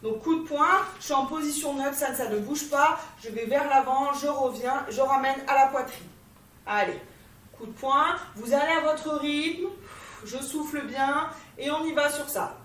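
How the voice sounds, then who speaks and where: A woman fitness instructor talks a class through a warm-up, cheerful and encouraging as she moves. Her voice sits high and carries from a distance in a reverberant room. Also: a little slow. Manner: encouraging, gives step-by-step cues while moving. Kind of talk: guided warm-up exercise class.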